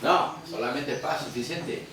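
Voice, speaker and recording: This Guaraní teacher speaks with a fairly high, slightly bright voice over slight background noise, lecturing in a museum classroom. The space is echoey and far-sounding, and his style is explanatory, with quizzing and slow repetition of words.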